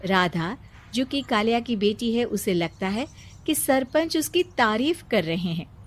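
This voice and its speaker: Female narrator for animated village stories; high voice, scripted storytelling. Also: a little slow.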